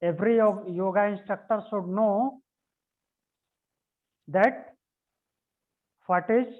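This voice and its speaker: Over narrow, phone-like video-call audio, a high-voiced man leads a yoga anatomy lesson at a slow pace. He dictates notes, says phrases more than once and spells important terms letter by letter.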